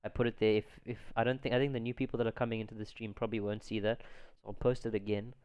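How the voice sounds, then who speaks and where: Fast-talking man with a clear low voice. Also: flat delivery, muffled recording. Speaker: stream host. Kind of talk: casual chat.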